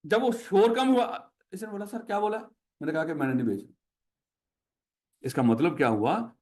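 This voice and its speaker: A man with a Pakistani Urdu accent teaches a class, saying each question twice to drill it home and calling his students "my child." His voice sits a little high.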